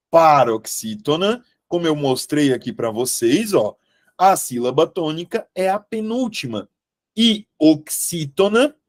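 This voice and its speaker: A man's voice: a little high, no room sound, studio quality. A young adult man teaching a Portuguese grammar lesson for exam prep, checking in often with the class. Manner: lively, coaxing, asks the class frequent checks.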